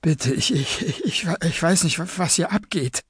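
A man voicing a terrified young male sorcerer who stammers and pleads in a raised, high voice in an audiobook. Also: animated, a little slow, husky, no room sound, studio quality, exaggerated voice. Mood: panicked pleading. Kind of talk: audiobook character voice.

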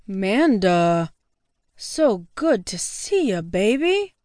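A woman's voice: medium pitch, very animated, a little mellow, dry recording, clean studio sound, pitched below the performer's own voice. Woman doing a drunk, drawling young man. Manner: slow, drawling, lazy.

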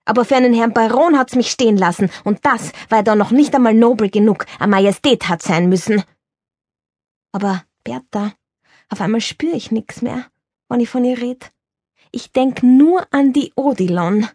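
Excitable lovesick man, as a woman puts him on. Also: a little high, breathy edge, dry recording, studio quality. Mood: wistful. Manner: gushing, rapid, emphatic. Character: excitable lovesick Viennese man, a stage actor.

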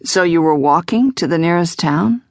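A woman's voice: fairly low pitch, animated, normal speed, darkish tone, no echo, clean studio sound. A woman narrator voicing a cautious, curious man driving in a storm, asking plain questions. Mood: probing. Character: male driver, cautious and curious.

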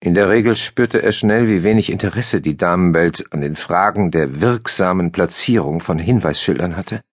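Deep husky male audiobook narrator. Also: normal speed, no room sound, studio quality. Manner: lively, storytelling. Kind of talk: scripted narration of a comic novel. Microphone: close studio mic.

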